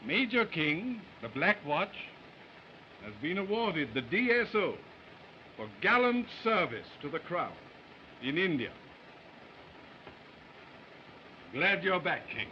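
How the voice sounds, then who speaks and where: An actor playing a formal, dignified British army colonel, declaiming in the manner of an early talkie film. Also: male voice, high-pitched, big pitch swings, measured pace. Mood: formal, approving. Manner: formal, stately, oratorical. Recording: muffled, noisy early talkie film soundtrack.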